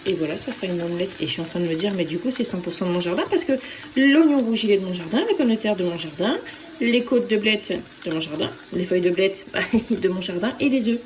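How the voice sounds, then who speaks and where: A woman's voice: medium pitch, animated, fast talker, slight background noise. A French woman chatting casually as she cooks for her family, speaking hesitantly with frequent fillers. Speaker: home cooking vlogger. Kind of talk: casual cooking vlog voice-over.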